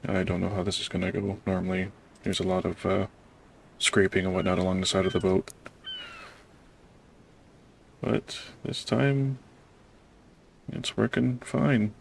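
A man giving casual, self-deprecating commentary while playing a submarine game, in a monotone way. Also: low voice, moderate pace, vocal fry. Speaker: gamer playing a submarine sim. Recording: noisy game audio behind voice.

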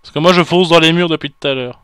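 A man doing panicked let's play commentary, shouting orders at his partner as he plays. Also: on the high side, fast talker, clear, resonant tone, no room sound. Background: game music.

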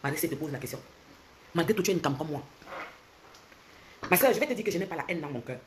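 A fast-talking Cameroonian woman in her forties, with a Cameroonian French accent and lively intonation, rants on a livestream as a social media commentator. She holds the phone close in a bright indoor room, with slight background noise, and swings confrontationally from loud mocking to low, intense lecturing.

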